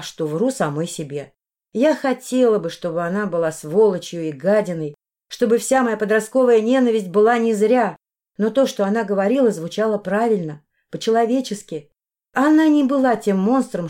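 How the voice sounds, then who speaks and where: A woman narrating a first-person audiobook in a reflective, steady way. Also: mid-range voice.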